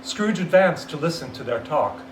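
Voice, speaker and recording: A man reading a classic story aloud in scripted narration with theatrical, deliberate phrasing. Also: a little high, animated. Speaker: story reader. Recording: roomy, distant mic, faint hiss.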